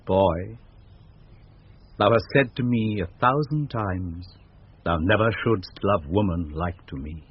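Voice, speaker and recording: An actor playing a dignified, lovestruck nobleman, speaking deliberately in a radio Shakespeare play. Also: low-pitched, slightly rough, exaggerated voice. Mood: tender, stately. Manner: stately, deliberate. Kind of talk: 1970s British radio Shakespeare acting. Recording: muffled old radio broadcast recording.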